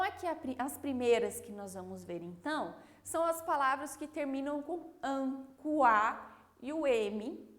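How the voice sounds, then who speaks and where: A Brazilian woman teaching a primary school class, explaining patiently and checking in with the children often. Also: high voice. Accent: Brazilian Portuguese. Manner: slow, patient, clear word-by-word explanation; checks understanding with frequent "ok?".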